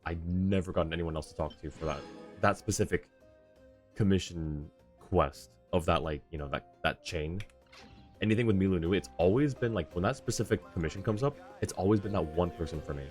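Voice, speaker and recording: Over a backdrop of video game music and character voices, a man hosts a livestream, chatting loosely and musing aloud as he plays. He speaks briskly in a low, darkish voice.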